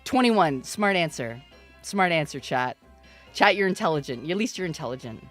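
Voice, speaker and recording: A woman in her thirties hosting a live stream in casual chat. She teases her viewers, laughs often, and breaks into loud mock protests. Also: low-pitched, expressive, normal speed, faint music behind. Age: 30s. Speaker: streamer host.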